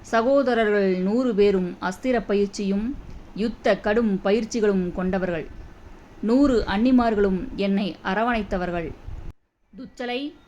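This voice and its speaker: Woman, audiobook narrator, first-person literary reading, solemn, very slow, muffled audio. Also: medium pitch, darkish tone. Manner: solemn, reflective, unhurried reading. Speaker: audiobook reader. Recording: dull audio, faint background noise.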